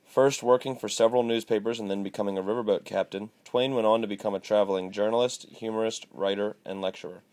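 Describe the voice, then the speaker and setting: A man's voice: fairly low pitch, fairly even intonation, fast talker, few pauses, a little mellow, close to an everyday voice. A man playing a folksy, rambling small-town man from the 1890s, talking through an acted class monologue. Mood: lecturing. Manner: folksy and rambling, drawling country slang. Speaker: student presenter in character.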